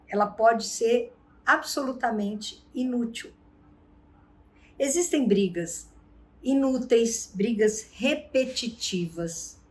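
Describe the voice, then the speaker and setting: A woman hosting a vlog and giving advice on arguments, telling stories with lively acted-out quotes. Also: mid-range voice. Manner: animated storyteller, acts out quotes. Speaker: vlog host and relationship advisor. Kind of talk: casual advice talk.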